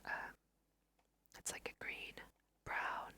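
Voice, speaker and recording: A let's play host speaks in a gentle whisper, giving relaxed ASMR commentary as she reasons through her game aloud and takes listeners with her.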